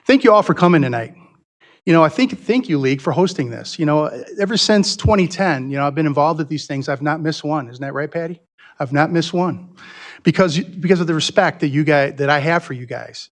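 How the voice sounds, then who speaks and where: Friendly chatty man giving a campaign pitch. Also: brisk. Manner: friendly, chatty, addresses the audience directly. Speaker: county coroner candidate. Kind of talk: campaign statement at a public forum.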